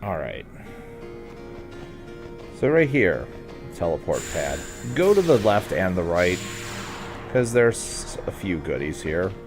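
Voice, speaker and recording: A man's voice: low voice, sing-song, takes it slowly, long pauses, music in the background. A man narrating a video game walkthrough as a guide, talking in a casual, conversational way.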